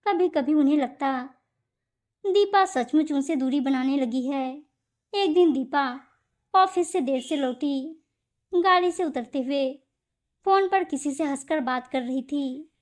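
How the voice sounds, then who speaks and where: Storyteller, woman, high voice, steady scripted narration. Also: unhurried.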